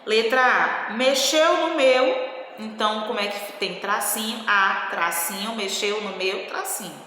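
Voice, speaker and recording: A woman teacher in a recorded video lesson, explaining school exercises slowly and carefully. She stretches out her words as she dictates and keeps checking in with her pupils. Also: mid-range voice, steady tone, bright, forceful tone, slight background noise. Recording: echoey room with long reverb.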